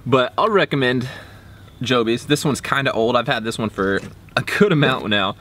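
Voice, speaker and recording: Male vlogger, 20s, medium pitch, informal review delivery, recorded outside with light ambient noise. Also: normal speed, fairly bright tone. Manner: informal, slangy. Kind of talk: casual product review to camera. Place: outdoors, backyard and woods. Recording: faint outdoor background noise.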